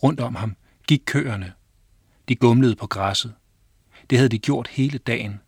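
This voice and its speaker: A man reading his own children's story aloud, calm and clear storytelling. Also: medium pitch, no room sound, studio quality.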